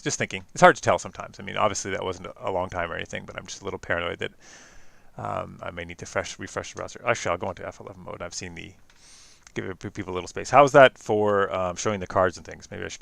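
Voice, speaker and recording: A man with a Canadian accent giving chatty live-stream commentary on a card game, quick and full of fillers and restarts. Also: sits low, gravelly, a bit bright, no room sound.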